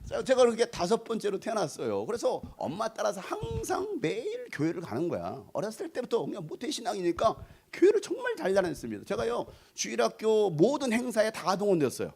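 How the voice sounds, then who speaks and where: A middle-aged man from North Jeolla preaching a revival sermon in a church. His voice sits high and swings widely in pitch, and he tells stories in a playful, animated way, sometimes acting out voices and joking with the crowd. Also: brisk, vocal fry, few pauses, breathy edge. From Korea, North Jeolla. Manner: animated and playful, sings snatches of song and acts out voices; jokes with the congregation and asks them to raise hands. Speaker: pastor. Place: church sanctuary.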